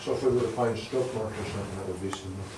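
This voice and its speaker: A man's voice: fairly low pitch, fairly even intonation, very fast. A man asking questions in casual conversation. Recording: distant, echoey, noisy cave recording.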